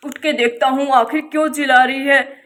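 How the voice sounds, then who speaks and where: A woman's voice: high voice, fairly even intonation, moderate pace, a bit bright. A grumbling, sleepy husband, played by a woman. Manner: grumbling, scolding, then reassuring. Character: grumpy, sleepy village husband Shyam. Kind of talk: doll story voice acting.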